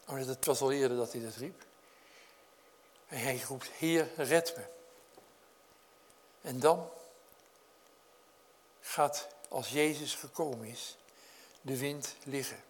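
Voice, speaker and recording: A man preaching a sermon, speaking earnestly to his congregation, lifting his voice when telling the story and dropping it low to reflect. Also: takes it slowly, pauses often, husky. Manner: addresses congregation directly with questions.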